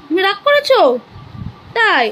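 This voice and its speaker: A young woman, a mother and vlogger casually quizzing her child with coaxing, animated questions. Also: very high-pitched, measured pace, a little hiss or hum, rough recording.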